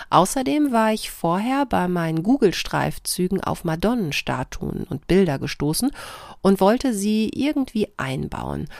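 A woman with a lowish, slightly mellow voice hosts a podcast, reading written answers aloud and chatting them through. The recording is studio quality, with no room sound.

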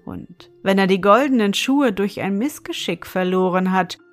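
A woman reading a fairy tale aloud as a bedtime story, calm and soothing. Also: mid-range voice, normal speed. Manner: calm, soothing, softly whispered at times. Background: faint music.

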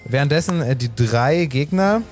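A man runs a tabletop game as game master. His voice sits at an average pitch and his improvised narration is playfully ironic. Soft music plays in the background. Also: lively intonation, moderate pace.

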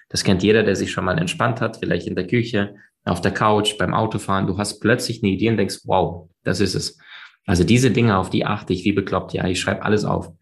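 Casting: man, low gravelly voice, expansive and emphatic interview guest who rambles. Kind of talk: conversational interview.

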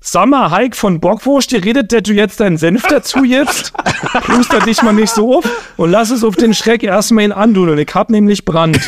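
A brash, cheeky old wizard voiced by a man who barks insults in thick Berlin dialect. His voice sits above normal speech and has a bright, playful edge. It is a comic dialect reading on a podcast. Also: high voice, normal speed, very noisy, voice pushed up, natural voice. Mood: brash mocking. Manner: brash, rude, mocking. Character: cheeky bossy old male wizard, Berlin street talker.

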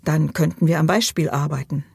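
A woman's voice: deep voice, fairly even intonation, fairly quick, gravelly, a little mellow, slightly rough, dry recording, studio quality, full character voice. A woman reading a persuasive male painter. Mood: urging. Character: brooding male painter, insistent, shy.

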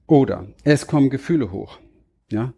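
A man who trains coaches, giving a motivational talk straight to the listener, slow and deliberate, checking in with short tag questions. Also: medium pitch, lively intonation, vocal fry, warm tone, breathy edge, lo-fi sound. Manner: addresses listener directly, frequent tag questions.

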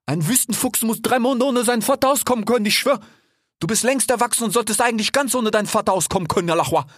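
A man's voice: extremely high pitch, fast, a bit bright, dry recording, studio quality, pitched above the performer's own voice. A man voicing a worried, stern fox father who nags and tags questions onto his lines. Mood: scolding. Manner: anxious, ends phrases with "ja?".

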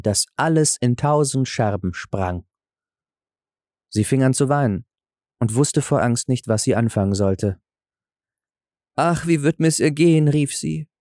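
A man narrating a fairy tale audiobook in a calm, measured storytelling manner. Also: medium pitch, dry recording, clean studio sound.

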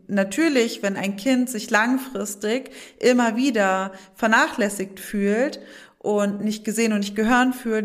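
A woman speaking as a guest in a podcast interview, explaining thoughtfully and sometimes acting out soothing phrases. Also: mid-range voice. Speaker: guest, childhood educator and resilience trainer.

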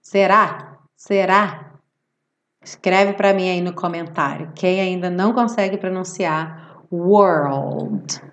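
A Brazilian woman teaching English in a live online lesson, patiently explaining and slowly repeating words to model pronunciation. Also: on the low side, highs cut off. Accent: Brazilian Portuguese. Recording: roomy echo.

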